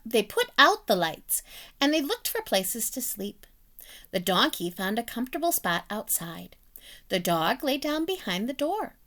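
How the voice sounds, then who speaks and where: A woman's voice: a little high, fairly bright tone. A woman reading a children's picture book aloud, as a teacher telling the story with voiced animal sounds.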